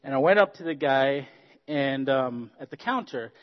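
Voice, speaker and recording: A man tells personal stories at a church workshop, filling pauses with ums and uhs. His voice sits at a middle pitch and rings out with a long hall echo. The recording is dull and lo-fi. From Zambia. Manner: relaxed, anecdotal, frequent ums and uhs. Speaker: workshop speaker. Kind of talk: storytelling talk at a church workshop.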